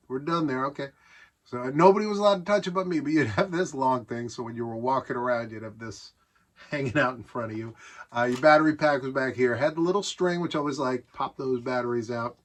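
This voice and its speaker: This host, a middle-aged American man, presents his vintage electronics in a nostalgic, casual show-and-tell, speaking with enthusiasm and self-amused asides. His voice is medium in pitch with a fairly bright tone.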